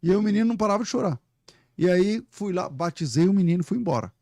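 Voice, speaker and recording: Um pastor na casa dos quarenta anos, convidado de um podcast, que conta histórias de forma animada, ri e cita a si mesmo. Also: male voice, high voice, fast, creaky, dry recording. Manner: animated, laughing storyteller who quotes himself. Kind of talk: casual podcast storytelling.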